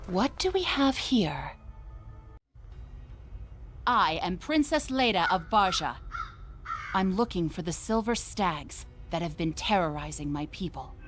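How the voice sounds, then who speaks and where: An actress playing a poised, wary warrior princess in a video game, speaking in a regal, measured manner. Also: female voice, lowish voice, animated. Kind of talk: video game character acting. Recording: faint music behind the voice.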